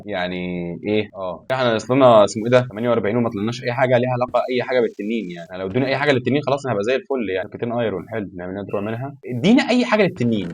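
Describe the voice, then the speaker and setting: Fast-talking Egyptian gamer, exasperated. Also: male voice, medium pitch, lively intonation. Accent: Egyptian Arabic. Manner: rapid, exasperated, swearing and pleading at the game. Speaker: gaming YouTuber. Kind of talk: live gameplay commentary.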